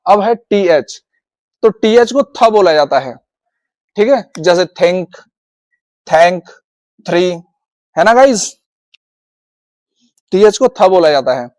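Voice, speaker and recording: A man's voice: high-pitched, big pitch swings, takes it slowly, pauses often, darkish tone, dry recording. A man with an Indian accent teaching English pronunciation in a video lesson, talking to viewers as "guys" and repeating his points. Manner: repetitive, addresses viewers as guys. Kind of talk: classroom-style video lesson.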